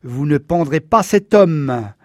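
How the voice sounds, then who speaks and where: A man's voice: a little high, animated, slow pace, a little mellow, no echo. A stern lawman stands his ground, speaking firmly and with command. A man reading the novel gives him voice. The recording is dry, with no room sound. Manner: firm, commanding. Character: stern small-town lawman father, firm and defiant.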